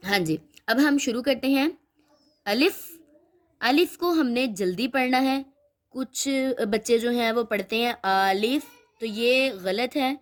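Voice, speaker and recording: A woman teaching a children's Quran reading lesson, explaining each sound patiently and often stopping to check that the listener follows. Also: high voice. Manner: explains slowly, checks in with "theek hai?" often; models letter sounds, drawn out and repeated.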